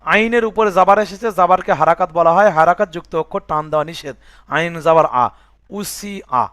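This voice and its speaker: Man, high voice, quick pace, teaching Quran reading, breaking words into letters, dry close sound. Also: fairly bright tone, clean tone, no room sound. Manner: breaks words into letters and vowel marks, checks "বুঝে আসছে?". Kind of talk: spelling-out recitation lesson.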